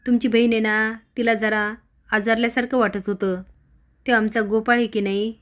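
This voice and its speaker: A woman's voice: on the high side, flat delivery, normal speed, lightly acted. A woman voicing a nervous, scheming village woman who talks in a flustered rush.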